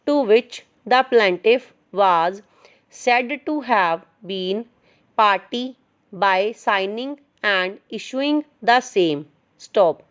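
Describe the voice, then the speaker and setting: A woman reading formal text aloud as a dictation teacher, deliberately, in short measured phrases with pauses. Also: on the high side, dull audio. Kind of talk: slow, measured legal dictation read aloud.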